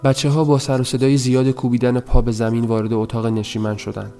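Soft music plays beneath a male audiobook narrator as he reads a novel aloud; his mid-range voice keeps an even, measured storytelling delivery.

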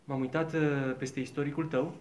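A man's voice: a little high, fairly even intonation, darkish tone, a little hiss or hum, lightly acted. A man playing a mock-solemn, patient Jesus who welcomes souls at heaven's gate in an improvised comedy sketch.

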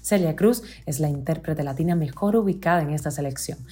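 A woman hosting a news podcast, reading the day's headlines in a steady, clear delivery. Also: low voice, fairly quick.

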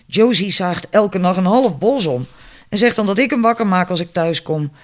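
A fiery, sharp-tongued working-class woman, as a male audiobook reader puts her on, chattering indignantly and bossing others about. Her voice sits well above the reader's own, set higher for the part. The delivery stays quick and forceful. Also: lively intonation.

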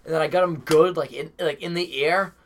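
A man's voice: a little high, steady tone, a little fast, slight background noise. A man from Massachusetts, a stand-up comic and podcast guest, telling a crude, rambling story full of swearing and filler words. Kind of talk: casual chat, storytelling.

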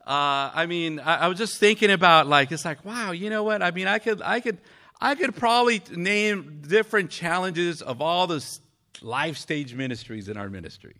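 A man from Mexico giving a conversational church sermon, earnest and halting as he speaks. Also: fairly high pitch, animated, bright, forceful tone. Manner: earnest, halting with frequent fillers. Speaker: pastor.

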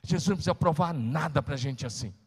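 A man preaching a sermon as pastor, emphatic, moving between loud calls and hushed words and having the congregation repeat after him. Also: fairly high pitch, quick pace, breathy edge. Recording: long hall reverb.

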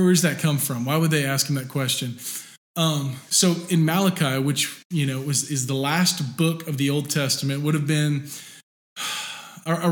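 Man, sermon, slightly higher voice, conversational, lots of fillers. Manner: conversational, many fillers and restarts. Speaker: pastor.

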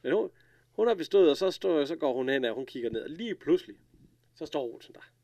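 A man casually recapping an episode, retelling scenes with lively quoted lines and laughter. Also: a little high, creaky, lo-fi sound. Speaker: podcast co-host recapping an episode. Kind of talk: casual chat.

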